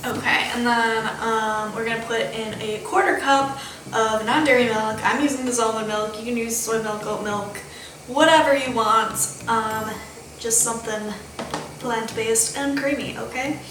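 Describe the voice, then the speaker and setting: A woman's voice: a little high, fairly even intonation, unhurried, crowd noise. Chatty woman cooking on a vlog. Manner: chatty, full of fillers like "um" and "like"; gushing about the food. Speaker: vegan cooking vlogger. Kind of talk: casual cooking demo chat. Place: home kitchen. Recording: echoey room with background music.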